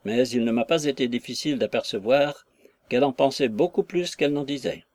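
A man's voice: medium pitch, brisk, darkish tone, no room sound, natural voice. A man putting on a gossiping female innkeeper. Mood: insistent. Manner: garrulous, wheedling, full of exclamations. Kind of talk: audiobook reading of a classic novel.

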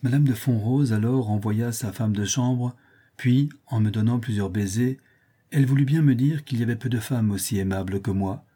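A man narrating a period novel in the first person as an audiobook, with measured, literary storytelling. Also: mid-range voice, mellow, slightly rough.

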